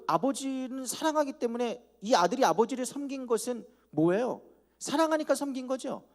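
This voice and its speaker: A man preaching a youth sermon at a church service, animated, and he acts out the characters with comic asides. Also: very high-pitched. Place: church hall.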